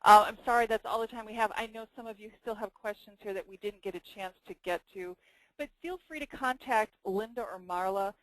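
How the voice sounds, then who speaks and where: A woman's voice: mid-range voice, fairly quick, no echo, low-quality recording. A woman moderating a webinar and giving closing remarks, stumbling over her words.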